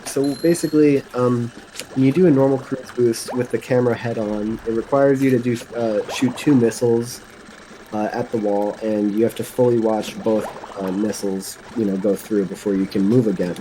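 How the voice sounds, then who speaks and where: A man's voice: medium pitch, fairly even intonation, moderate pace, mellow, a little hiss or hum, rough recording. A man commentating on a live speedrun, explaining a trick in a hesitant way with many fillers and restarts.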